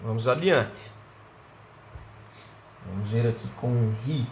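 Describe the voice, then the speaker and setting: A Brazilian man teaching an English grammar lesson online. He explains patiently, keeps asking "né?" and "certo?", and slows down to model the English sentences. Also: mid-range voice, noisy background. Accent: Brazilian Portuguese.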